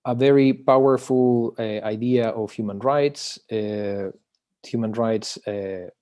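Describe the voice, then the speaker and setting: A man from Chile, presenting his book over a video call in an academic talk, pausing often with filler sounds and restarting phrases. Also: mid-range voice, fairly even intonation, dark tone.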